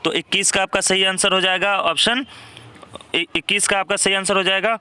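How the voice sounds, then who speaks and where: A man's voice: high voice, level tone, a little fast, pushed and bright, smooth. A young man working through exam questions as a teacher, explaining step by step and checking in with "right?" after each answer. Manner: repeats "thik hai na" often, explains step by step.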